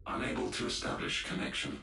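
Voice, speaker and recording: A man voicing a glitching facility computer that gives clipped, flat system announcements over a robotic loudspeaker. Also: rumbling low, fast talker, gravelly, heavy background noise, exaggerated voice. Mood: announcing. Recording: echoey, distant, under loud game music.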